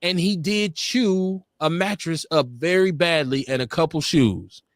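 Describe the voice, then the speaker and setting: On a home studio livestream, a podcast co-host with a higher-pitched male voice and measured pace chats casually, rambling through stories with frequent self-corrections and laughter. The recording is dry and studio-clean.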